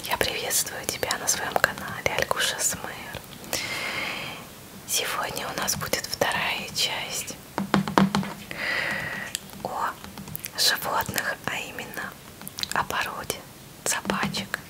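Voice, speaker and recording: A woman hosting ASMR in a soft, breathy whisper close to the mic, cooing tenderly and repeating words soothingly. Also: takes it slowly, long pauses, low-quality recording. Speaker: ASMR channel host.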